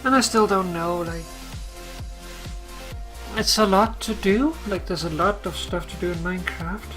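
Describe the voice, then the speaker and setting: Slow, sleepy woman streamer. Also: on the low side, soft background music. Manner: slow, sleepy and relaxed, soft laughs. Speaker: streamer host. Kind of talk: casual chat while gaming.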